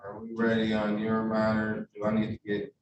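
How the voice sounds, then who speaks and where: A man's voice: on the low side, completely flat delivery, normal speed, muffled recording, music in the background. A man presiding as a judge over a remote hearing, formal and polite, with frequent hesitations, heard as a courtroom recording. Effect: courtroom recording from a distant room mic. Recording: roomy courtroom audio from afar, faint hum.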